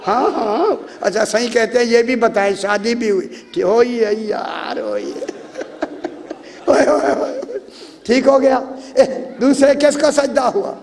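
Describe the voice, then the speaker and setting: A very high-pitched, gravelly-voiced man delivers a slow, drawn-out majlis sermon. He breaks into sing-song cries and keeps putting questions to the gathering. A long hall reverb rings after every phrase. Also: a little mellow. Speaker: religious preacher.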